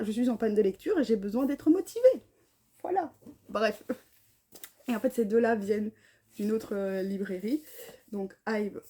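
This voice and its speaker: Chatty woman with a dark, husky voice. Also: a little high. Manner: chatty, reads blurbs aloud with stumbles over names. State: tired. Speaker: book vlogger. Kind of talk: casual chat.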